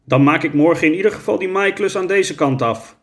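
A man voicing a calm, easygoing drifter in a children's story. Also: a little high, fairly quick, pitched above the performer's own voice, natural voice.

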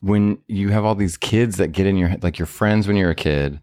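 A man with a very deep voice chats casually on a podcast. He laughs a lot and tosses in wry, jokey asides. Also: moderate pace, darkish tone. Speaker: podcast co-host. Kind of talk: casual chat.

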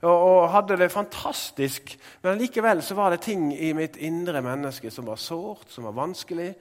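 A man preaching a sermon in a relaxed, conversational way, with filler words, who now and then rises to loud proclamations. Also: high voice, long reverb tail.

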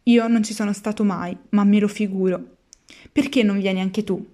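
A woman's voice: medium pitch, steady tone, normal speed, dark tone, close to an everyday voice. A woman doing a cocky truant boy. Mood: coaxing.

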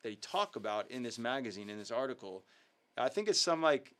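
A man of ordinary pitch hosts a youth ministry livestream. He talks in a casual, earnest and upbeat way, filling his sentences with ums and uhs. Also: sing-song, fairly quick, a bit bright. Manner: filler-heavy, earnest, upbeat. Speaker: youth ministry leader and host. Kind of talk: casual livestream talk with devotional teaching.

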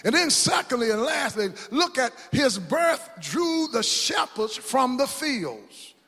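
A man preaching a sermon as pastor, rising into shouts and call-and-response in a church. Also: very high-pitched, very animated, slow, husky, faint music behind. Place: church sanctuary. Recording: long hall reverb.

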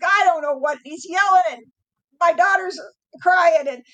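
A middle-aged woman guest telling family stories in a casual chat, animated and laughing often. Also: extremely high pitch, moderate pace, poor audio.

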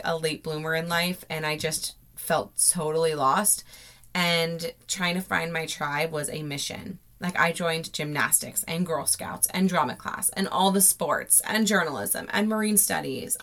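Chatty, gushing American woman, slightly low voice. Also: a bit bright. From South Florida, United States. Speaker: podcast host. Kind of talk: casual, chatty personal storytelling. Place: inside a closet at home.

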